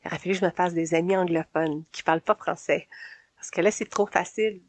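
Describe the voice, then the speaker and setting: A woman's voice: lowish voice, fairly even intonation, quick pace, no echo. A sociable woman in her forties with a Québécois French accent, casually telling her own story in an interview and laughing often between phrases. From Quebec.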